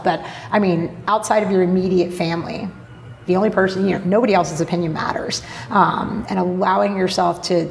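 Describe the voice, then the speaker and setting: The voice belongs to a woman whose pitch runs low and creaky, a podcast guest who writes a marketing blog. In candid interview conversation she speaks bluntly, with many fillers and some swearing. There's an echo of the room and faint noise on the recording.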